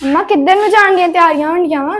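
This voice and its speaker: A woman's voice: extremely high pitch, rapid-fire, a bit bright. A woman playing a stubborn young daughter who whines insistently.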